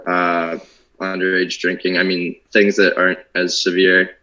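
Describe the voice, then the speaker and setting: Deep, flat-voiced man, muffled call. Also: unhurried. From suburb near Philadelphia, United States. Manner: relaxed, rambling, with frequent "like" and "um". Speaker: university student in an online discussion. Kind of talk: casual discussion.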